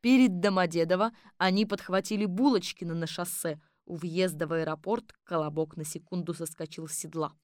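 A woman narrating a children's story audiobook in an even storytelling manner. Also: on the low side, fairly quick, hardly any pauses, no room sound, studio quality.

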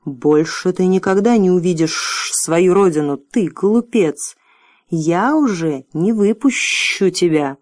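A woman's voice: lowish voice, darkish tone, dry recording, studio quality. A woman voicing a scheming, cruel female dragon who hisses and drawls with false sweetness in an audiobook. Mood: menacing. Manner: hissing, sneering, slow and drawn out. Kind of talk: audiobook character voice.

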